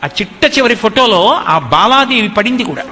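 A man with a high, animated voice and a sharp tone tells a devotional story at a moderate pace, speaking earnestly and addressing his listeners directly. He is a religious storyteller giving a devotional discourse, and the recording carries a long hall reverb.

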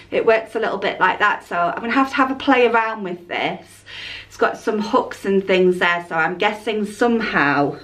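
A woman's voice: mid-range voice, a bit bright, recorded from a distance. A woman chatting casually through a clothing try-on haul, rambling and thinking aloud as a fashion vlogger. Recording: echoey room, voice a bit off-mic.

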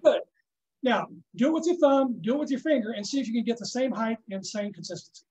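A man teaching a snare drum masterclass, coaching a student hands-on and checking in often with a quick "okay?". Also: very high voice, darkish tone, highs cut off. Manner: instructive, checks in with frequent "okay?". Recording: echoey room.

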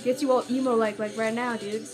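A woman giving excitable, chatty reaction commentary, full of likes, ums and you-knows. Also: a little high, fairly quick. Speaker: reaction video host. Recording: music video playing loudly behind. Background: loud music.

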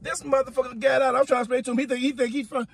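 An older man, riding as the passenger uncle, argues casually inside a parked car, stammering, repeating words and swearing often. His very high-pitched voice is gravelly with a breathy edge, racing along in a flat delivery. A phone on the dashboard captured it with studio quality and no echo.

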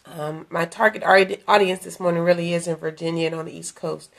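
In a dim room, a middle-aged woman with a cold-roughened voice promotes her ministry event on a casual live stream, holding her phone at arm's length. Her lowish voice is fairly bright and even in intonation, a little fast, and she speaks earnestly and chattily, restarting often and using many fillers.

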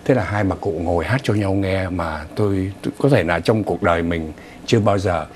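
A man's voice: deep voice, a little fast, a little mellow, a little hiss or hum. A middle-aged man hosting a studio news talk show, speaking with many fillers and hesitations.

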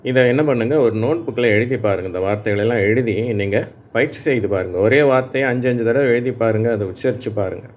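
A man teaching English reading to adults in Tamil. He speaks slowly and patiently, repeats his points and checks with his listeners. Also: medium pitch. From Tamil Nadu, India. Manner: patient, reassuring, repeats points and asks "சரியா?". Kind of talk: slow spoken lesson for adult learners.

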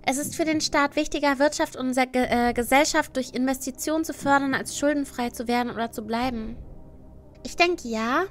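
Cute high-pitched woman streamer. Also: a little fast. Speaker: livestreamer, VTuber host. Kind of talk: casual livestream chat, reading out and answering quiz questions.

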